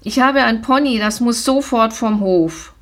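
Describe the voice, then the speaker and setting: A woman's voice: fairly high pitch, measured pace, fairly bright tone. A woman reading a storybook, voicing a harsh, curt middle-aged father who gives orders. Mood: stern, harsh.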